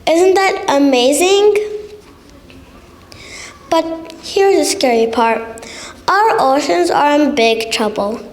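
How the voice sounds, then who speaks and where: Child contestant, high voice, stiff memorized speech delivery, recorded in a reverberant hall. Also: lively intonation, slow pace, pauses often. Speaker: contest speaker. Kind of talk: prepared competition speech.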